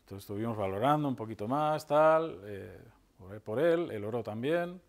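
A middle-aged man, preaching a sermon as pastor in a conversational way, with fillers and slow emphatic phrases. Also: mid-range voice, animated. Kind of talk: sermon with storytelling.

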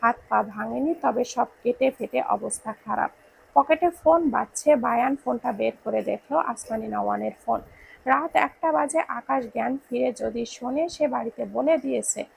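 Woman narrating a love story, tender, dramatic, gravelly, breathy, a bit high. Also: moderate pace, low-quality recording.

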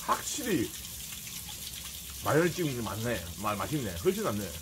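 A man's voice: mid-range voice, sing-song, moderate pace. Man, talking while chewing. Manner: muttering to himself between bites. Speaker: mukbang vlogger. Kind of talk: casual eating broadcast. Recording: noisy kitchen sounds behind.

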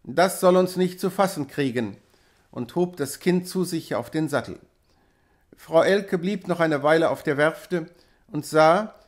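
A man reads a classic novel aloud in a measured, deliberate narration. His voice is somewhat high, and he takes his time. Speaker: audiobook reader. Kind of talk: literary audiobook narration.

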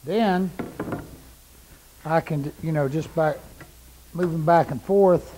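Taking it slowly, a middle-aged woodworking instructor with a fairly high, dark voice shows how to make cuts in his power-saw shop. He's plain-spoken and repeats points for emphasis. The lapel-mic audio is poor, with slight background noise.

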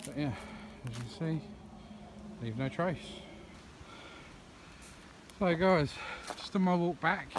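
A man's voice: fairly high pitch, animated, takes it slowly, long pauses. Rambling man vlogging outdoors. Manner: rambling, many ums, chatty. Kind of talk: casual vlog narration. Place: woodland campsite and path outdoors. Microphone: phone camera held at arm's length. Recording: outdoor phone audio with clear background noise.

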